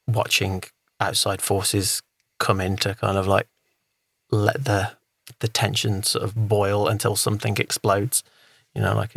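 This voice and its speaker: Man, podcast co-host, rambling casual review, gravelly, dead dry recording. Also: lowish voice, fairly bright tone, dry recording. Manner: rambling, thinks aloud with fillers. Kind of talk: casual film review chat.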